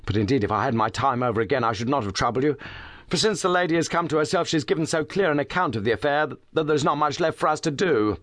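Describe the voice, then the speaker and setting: A man voicing an eager, confident young police inspector who talks briskly and quickly. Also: a little high, a bit bright, no echo, studio quality, voice pushed up.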